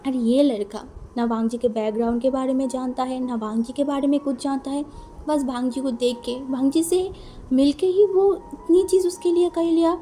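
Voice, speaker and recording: A woman casually retelling a romance fan story, animated and musing, often repeating words as she thinks. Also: high voice, moderate pace, faint music behind.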